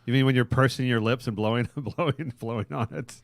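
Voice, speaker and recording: A man's voice: medium pitch, steady tone, fairly quick, no echo. A man hosting a podcast, rambling crudely with frequent laughter. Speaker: podcast host. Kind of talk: casual crude podcast banter.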